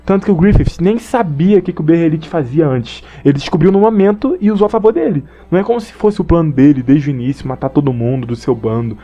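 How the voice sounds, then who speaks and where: A man's voice: fairly high pitch, fast, few pauses, dark tone, dull audio, faint music behind. A young man with a Brazilian accent, giving a casual, slangy, rambling opinion monologue on an anime and partly reading from notes. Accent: Brazilian Portuguese. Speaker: anime commentator.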